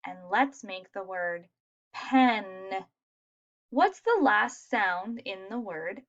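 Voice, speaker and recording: A woman teaching a phonics lesson to young children, sounding out letters slowly and praising answers. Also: mid-range voice, animated, highs cut off. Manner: slow, sounding out letters, encouraging.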